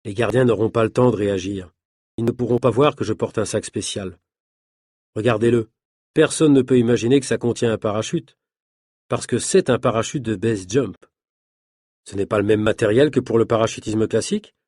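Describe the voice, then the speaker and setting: A man's voice: lowish voice, normal speed, a little mellow, no room sound, studio quality, lightly acted. A man voicing a breezy, self-assured adult male daredevil stuntman.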